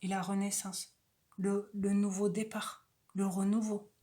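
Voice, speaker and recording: A woman reads oracle cards aloud in a soft, casual voice and stops for chatty asides to her viewers. She speaks slowly and without hurry. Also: mid-range voice, flat delivery. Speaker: oracle card reader. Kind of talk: casual oracle card reading.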